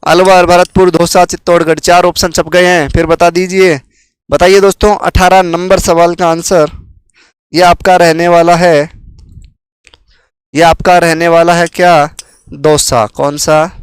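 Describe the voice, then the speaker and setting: A man's voice: on the high side, smooth, dry recording. Man quizzing viewers on exam questions. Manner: repeats questions, quizzes viewers before revealing answers. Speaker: exam-prep teacher. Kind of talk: quiz-style exam coaching.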